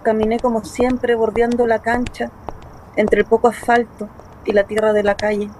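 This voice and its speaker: A woman plays a young working-class Chilean daughter telling of her assault in a first-person radio drama, sounding wounded, bitter, haunted and tense. Her somewhat high, slightly mellow voice is flat and moderately paced, near an everyday voice. Music plays underneath on a low-quality recording with a little hiss or hum.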